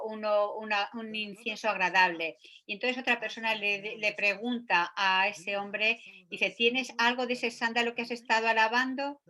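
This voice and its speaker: A woman gives a Buddhist teaching on a sutra, reading passages aloud and pausing often on filler sounds. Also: medium pitch, sharp tone.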